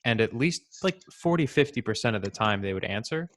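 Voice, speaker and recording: A man, a former sales rep, chatting casually on a group call, relaxed and full of "like". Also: mid-range voice, brisk. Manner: relaxed, chatty, many "like" fillers.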